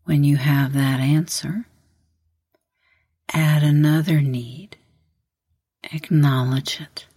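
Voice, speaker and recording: This meditation guide is a woman with a low, dark, slightly husky voice who keeps a steady tone as she calmly instructs listeners. Long silences separate each prompt. The audio is very dry, free of echo or any room sound.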